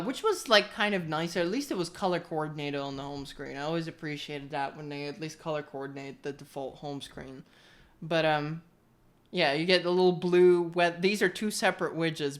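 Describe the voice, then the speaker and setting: Casting: woman from the UK, deep voice, casual vlogger style, rambling, sweary, opinionated ranting. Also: moderate pace. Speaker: tech vlogger.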